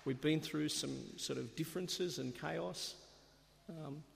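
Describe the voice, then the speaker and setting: A man's voice: on the high side, slow, creaky. A man preaching a sermon in a church, chatty and self-deprecating, asking the congregation rhetorical questions. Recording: long reverb of a church hall.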